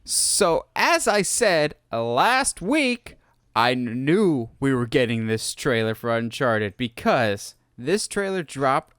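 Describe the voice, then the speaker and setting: A man hosts a casual podcast with animated, opinionated enthusiasm. His voice comes through smooth and resonant, at a middle pitch, recorded dry and close. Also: dry recording. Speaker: podcast host.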